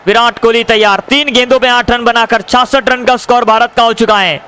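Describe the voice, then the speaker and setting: A man giving excited live cricket commentary, addressing viewers as friends and repeating stock phrases. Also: very high voice, brisk, clean tone. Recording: crowd and noise behind the voice.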